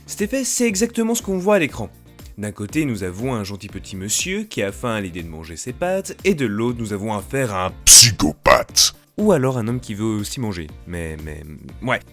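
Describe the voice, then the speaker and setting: A man's voice: fairly low pitch, very animated, brisk, soft background music. A man giving a comedic educational voice-over, with mocking asides. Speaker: voice-over narrator.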